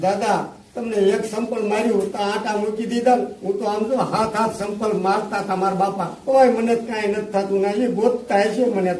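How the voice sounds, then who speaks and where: A pleading young village lad, as a man acts him out. His voice runs high in a roomy, echoing space with faint noise underneath. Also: steady tone, a little fast, darkish tone, lightly acted. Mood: plaintive. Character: put-upon young village lad, plaintive. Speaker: actor in a village comedy skit. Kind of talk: amateur comedy film acting.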